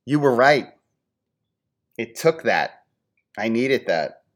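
A man's voice: mid-range voice, takes it slowly. Rambling storytelling man from Philadelphia. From Philadelphia area. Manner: rambling, self-deprecating, animated when quoting friends. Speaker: podcast host. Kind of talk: casual storytelling monologue.

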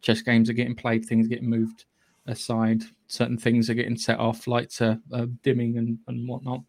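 A man's voice: mid-range voice, monotone, a little mellow. British man hosting a casual podcast. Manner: halting, sweary, opinionated. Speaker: podcast host. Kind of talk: casual film review chat.

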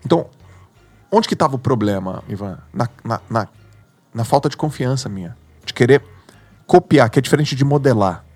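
A man's voice: mid-range voice, animated, normal speed, a little mellow, breathy edge, soft background music. A man with a Brazilian Portuguese accent, a podcast guest who mentors entrepreneurs, telling stories in a slangy, emphatic way with some swearing. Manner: slangy and emphatic, swears, acts out his own inner voice. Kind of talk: animated podcast storytelling.

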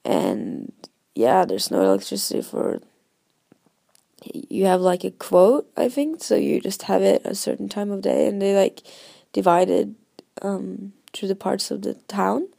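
A woman travel vlogger, a non-native English speaker, talks casually and hesitantly to her followers in a gravelly voice, hoarse from a cold. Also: mid-range voice, expressive, unhurried, warm tone, dry recording, clean studio sound. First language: not English. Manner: informal, rambling, hesitant.

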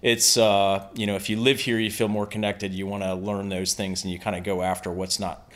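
A man in his forties from the Washington DC suburbs, a podcast guest telling about his area in a relaxed way. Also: fairly low pitch, brisk. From Washington DC area, Virginia. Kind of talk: casual interview chat.

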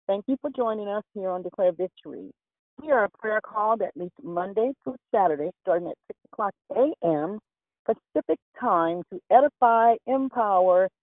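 A woman reading scripted announcements and scripture in a formal, measured way as hostess of a phone prayer call. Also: mid-range voice. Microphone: telephone. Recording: tinny phone conference line, roomy echo.

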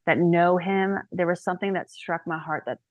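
A woman in her thirties, a guest speaker telling her personal faith story on a podcast, chatty and animated, with many fillers. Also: fairly low pitch, normal speed, dry recording.

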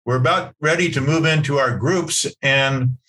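A man's voice: mid-range voice, moderate pace, sharp tone, rough recording. A man hosting a faith video meeting, encouraging and affirming, with fillers and restarts, on a video call. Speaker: host.

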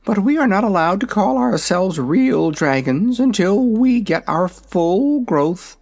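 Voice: medium pitch, lively intonation, unhurried, vocal fry, a little mellow, pitched above the performer's own voice. A storybook reader voicing a proud, hungry young dragonette in a lofty, matter-of-fact manner. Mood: haughty.

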